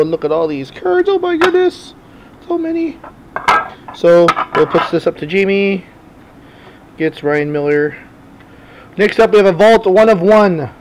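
A man hosting a card break with casual, improvised running commentary, informal and muttering to himself as he works. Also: a little high. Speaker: host of sports card box breaks. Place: small indoor home office full of cards. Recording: noisy room, camera on desk.

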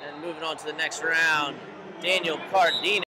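A man's voice: fairly high pitch, normal speed. Man calling a wrestling match. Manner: steady, informative play-by-play. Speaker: wrestling commentator. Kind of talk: play-by-play commentary. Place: large indoor sports hall. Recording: arena noise behind. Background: crowd and arena noise.

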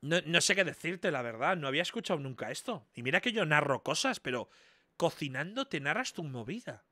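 Man, 20s, streamer, casual live chat, slightly high voice, incredulous, dry recording. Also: lively intonation, brisk, no room sound. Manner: chatty, incredulous, loud outbursts.

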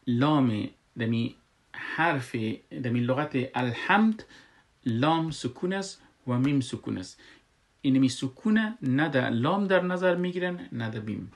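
A man's voice: medium pitch, lively intonation. A man with an Afghan Dari accent teaching Quran recitation, patient and repeating words and examples so students can drill them. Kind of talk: tajweed lesson.

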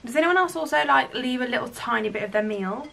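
A woman's voice: a little high, lively intonation, quick pace, gravelly, sharp tone. A young British woman in her twenties chatting casually in a home vlog, bubbly and giggly, rambling as she goes. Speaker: vlogger. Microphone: handheld camera.

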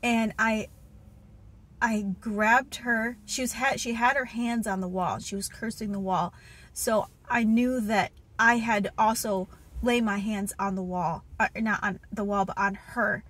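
Speaking a little slowly in a steady, fairly high, somewhat bright voice, a woman in her thirties earnestly relates a spiritual dream. She films on a phone held at arm's length while sitting in a parked car, and her casual testimony and Bible reading are peppered with fillers and restarts.

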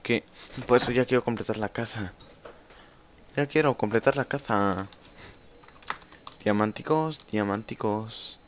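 A man's voice: mid-range voice, moderate pace, pauses often, a little hiss or hum. A young man with a Mexican accent giving casual gameplay commentary, chatty and swearing freely as he talks to himself. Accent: Mexican Spanish. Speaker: gamer.

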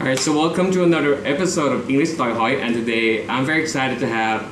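A man's voice: mid-range voice, fast, fairly bright tone, slight background noise. A man in his thirties hosts an interview, asking eager, upbeat questions and often restarting his sentences. He sits on a sofa a few feet from the camera mic, so his voice sounds distant and roomy. An air conditioner hums steadily in the background. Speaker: show host, interviewer. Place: living room, seated on a sofa indoors.

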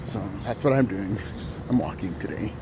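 This is a man in his thirties, a vlogger, talking casually as he walks outdoors on a city street in the early morning. His fairly low voice is expressive and moderately paced, a bit winded, with many fillers and restarts as he rambles. He holds the phone at arm's length, so its audio carries traffic and urban noise.

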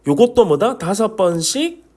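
A man's voice: sits high, normal speed. A man with a Korean regional dialect teaching Vietnamese pronunciation in an online lesson, repeating each sound as a drill and joking along the way. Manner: lively, drills sounds by repeating them, jokes and apologizes.

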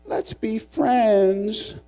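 A quiet, calm schoolboy pleads softly in a raised, thin voice, as a preacher acts him out mid-sermon. He asks for peace rather than a fight. The pitch sits well above the speaker's own. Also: drawn-out words, faint music behind, heavily acted. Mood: pleading. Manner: soft, gentle pleading.

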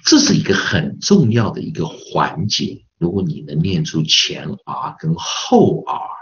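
A man's voice: deep voice, wildly swooping pitch, measured pace, creaky, fairly bright tone, highs cut off. A man teaching English pronunciation in a recorded online lesson with a Taiwanese Mandarin accent, patiently repeating sounds over and over to demonstrate them.

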